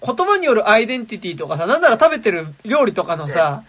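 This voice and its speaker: A man talks fast and rambles through a casual podcast chat, circling back on himself with fillers and restarts. His pitch swings widely as he goes, and he slips into laughing asides. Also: very animated, fairly bright tone, husky. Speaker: podcast panelist. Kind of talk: casual chat about a film.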